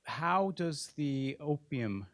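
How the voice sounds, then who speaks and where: A man's voice: on the high side, sing-song, very slow, fairly bright tone, no echo, clean studio sound. A man from the audience asking a question, polite and stumbling over his words.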